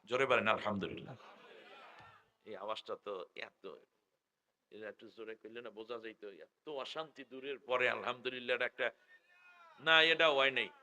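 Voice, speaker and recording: A middle-aged man with a Bangladeshi Bengali accent, preaching loudly through a stage microphone at a public gathering, joking with the crowd and drawing out his call phrases. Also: medium pitch, fairly even intonation. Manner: loud, joking, drawn-out chanting of call phrases. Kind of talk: live sermon with crowd call-and-response. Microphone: stage microphone through loudspeakers.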